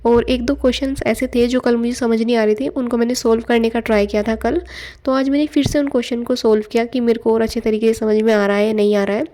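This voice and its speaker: Young female vlogger, casual chatty narration, fairly high voice with a warm mellow timbre. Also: steady tone, fast. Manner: chatty, loose Hindi-English mix with fillers. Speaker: exam aspirant vlogger. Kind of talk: casual study vlog narration. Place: at home.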